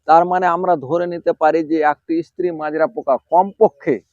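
A man, an agricultural extension officer from Bangladesh, explaining farming in a measured way, outdoors in a rice field. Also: on the high side, fairly even intonation, a little mellow, dry recording, muffled recording. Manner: measured explanatory talk with fillers.

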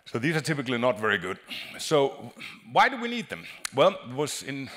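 A man's voice: medium pitch, wildly swooping pitch, fairly bright tone. Man presenting at a conference. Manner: halting, repeats words as he explains. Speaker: conference speaker, acoustic designer. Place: large conference hall on a stage.

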